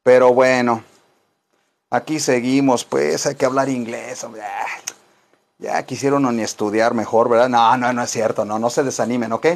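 A man's voice: medium pitch, flat delivery, moderate pace, creaky. A man with a Mexican Spanish accent teaching English on a live stream, joking and rambling with his viewers. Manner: playful, rambling, teasing asides to viewers.

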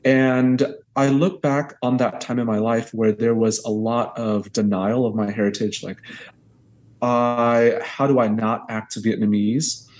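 Speaking a little slowly in a steady, darkish, medium-pitched voice, this Texan from near Houston is in his thirties. He appears as a guest choral conductor in a podcast interview, using earbuds on a video call from a small bedroom, earnest and reflective with long sentences he keeps restarting.

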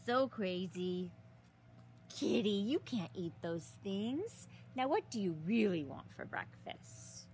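In a leafy garden, a woman in her thirties reads a picture book to young children, full of exaggerated gasps and drawn-out words. Her mid-range voice has a darkish tone and lively intonation, and the outdoor recording picks up some ambient noise.

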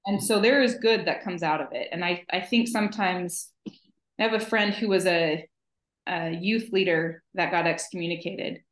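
A woman's voice: on the low side, normal speed, reverberant. A woman in her thirties, a podcast co-host speaking earnestly and emphatically in casual conversation over a video call. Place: home office, video call.

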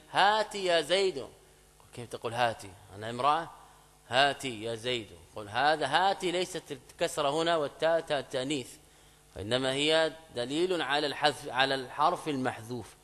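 A man teaching an Arabic grammar lesson in a mosque. He explains step by step, repeats key phrases, asks students checking questions, and reads quoted examples slowly and louder. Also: mid-range voice. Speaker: Islamic scholar teaching grammar. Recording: long mosque reverb.

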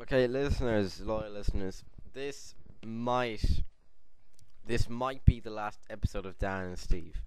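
A man's voice: fairly low pitch, measured pace, a little mellow, slight background noise. A tipsy young man hosting a homemade web show, rambling with mock-pompous speeches.

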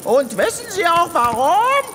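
In a comedy science fiction audio drama, a woman plays an indignant female alien assistant crusading against a cruel factory, sounding scornful and emphatic. Her heavily acted voice is extremely high, sing-song and fairly bright, a little slow, with a little hiss or hum.

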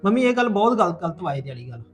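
A man's voice: high voice, sing-song, racing, faint music behind. A man playing a son who argues with his mother to defend his sister. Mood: protesting. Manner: protesting, argumentative. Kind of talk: Punjabi family web drama.

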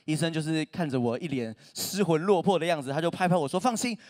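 A man's voice: fairly high pitch, fast, darkish tone. A man, preaching a humorous sermon as a pastor, telling stories with self-mocking jokes. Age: 30s. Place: church stage.

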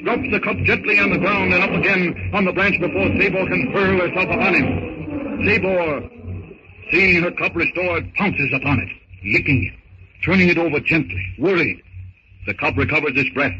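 Heavy noise and muffling from an early 1930s radio broadcast surround this dramatic narration of an adventure serial. The male narrator has a high-pitched voice and keeps a moderate pace, delivering each line with theatrical suspense.

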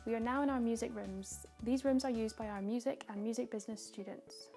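A young woman giving a scripted guided tour, calm and informative like a guide, speaking clearly. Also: fairly high pitch, fairly quick. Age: young adult. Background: background music.

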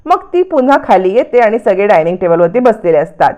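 A woman's voice: mid-range voice, sing-song, quick pace, a little mellow. A woman narrating a TV serial episode in a dramatic storytelling manner.

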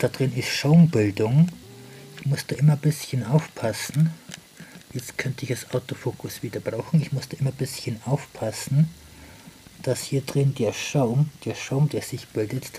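A man of middling pitch talks casually through a hands-on demonstration. He thinks aloud, stopping to repeat and reword his phrases. The handheld indoor recording carries a little background noise. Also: darkish tone. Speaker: hobby tinkerer presenting experiments.

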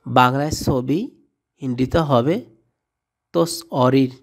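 A man's voice: mid-range voice, steady tone, takes it slowly, creaky. A man teaching a vocabulary lesson, saying each word and its translation and then repeating the pair. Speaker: language tutor.

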